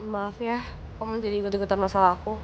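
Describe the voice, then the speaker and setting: A young actress playing a headstrong daughter who wants to become a doctor, in a comic TV serial. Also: female voice, medium pitch, little pitch movement, lo-fi sound, noisy background, natural voice. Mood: gentle. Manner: firm, quick. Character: headstrong young woman, sure of herself. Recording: music behind.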